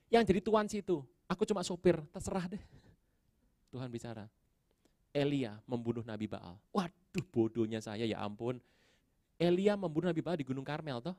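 A man preaching a sermon, telling stories in a conversational way and acting out his own prayers and dialogue with sudden loud bursts and chuckles. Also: mid-range voice, no room sound, clean studio sound. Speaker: pastor. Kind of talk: storytelling sermon.

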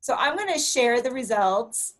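A woman's voice: a little high, sing-song, normal speed. A woman hosting an online talk on a video call, reading poll questions aloud and encouraging people to try. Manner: friendly, encouraging, reads poll options aloud. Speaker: webinar host.

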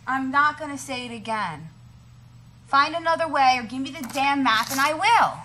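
A woman's voice: mid-range voice, lively intonation, normal speed, sharp tone, a little hiss or hum. A woman in an acting class scene, playing a guarded, irritable woman on the run with a terse, stubborn manner. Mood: stubborn, angry.

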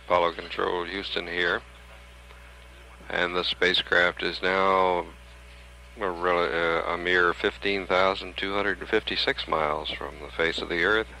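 American man, mission control announcer, deep, measured commentary, faintly noisy archive broadcast. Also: little pitch movement, creaky, sharp tone. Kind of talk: measured live spaceflight commentary.

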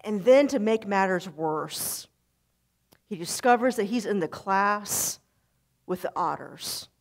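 A middle-aged woman pastor preaching from a church pulpit and telling an animated story with repeated words. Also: mid-range voice, slow. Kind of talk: sermon storytelling. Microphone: pulpit microphone, far camera.

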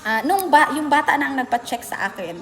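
A woman's voice: high voice, animated, a little fast, a bit bright, in a large hall, faint music behind. A young Filipina teacher in a chatty, emotional way telling a classroom story, switching between Tagalog and Bisaya. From Philippines. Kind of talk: casual storytelling vlog.

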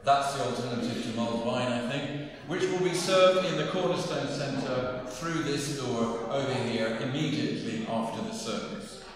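A clergyman leading prayers and a blessing in a measured, formal intoning manner, heard with a cathedral echo from a distant mic in a large stone chapel. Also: medium pitch, crowd noise. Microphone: distant room mic. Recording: long church reverb from a distant mic.

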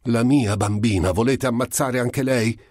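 A man voicing a furious, defiant young mother who works as a maid, shouting threats. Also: on the low side, animated, normal speed, husky, dry recording, clean studio sound, voice pushed up. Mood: desperate.

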